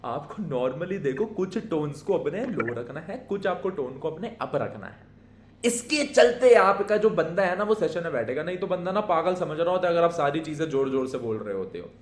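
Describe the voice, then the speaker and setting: Young man, sales trainer, emphatic coaching, high voice, echoey room. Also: very animated, normal speed, a little hiss or hum. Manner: coaching, swings between soft and emphatic, mixes in English. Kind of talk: motivational sales training talk. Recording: echoey room with faint ambience.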